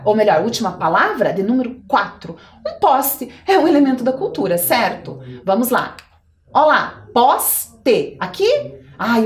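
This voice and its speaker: A woman with a Brazilian Portuguese accent, a schoolteacher giving a televised lesson to young children, encouraging and drawing out her words. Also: a little high.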